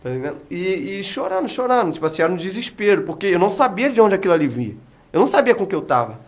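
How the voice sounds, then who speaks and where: High-voiced man giving a vivid testimony. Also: big pitch swings, rapid-fire. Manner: vivid storytelling that acts out remembered dialogue. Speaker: evangelist, guest. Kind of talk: testimony in a podcast interview.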